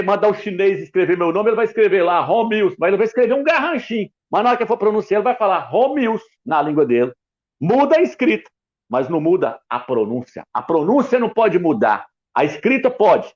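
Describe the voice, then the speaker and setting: A middle-aged man, teaching the Bible emphatically as a preacher, repeating his points and speaking straight to the viewer. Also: high-pitched. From Brazil. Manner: repetitive, insistent, addresses viewer directly; writes letters out while explaining. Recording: dull lo-fi recording.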